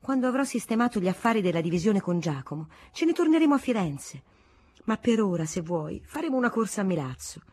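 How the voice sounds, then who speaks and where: A woman's voice: medium pitch, sing-song, quick pace, a little mellow. A woman reading the lines of a vain, carefree young aristocratic husband in an audiobook, in a breezy, dismissive manner.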